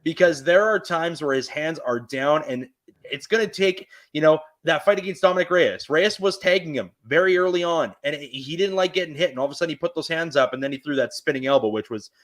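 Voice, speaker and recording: A man's voice: fairly high pitch, animated, fairly quick, fairly bright tone. Eager Canadian man hosting fight talk. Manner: eager, rambling fan talk. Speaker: podcast host. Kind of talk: casual sports chat.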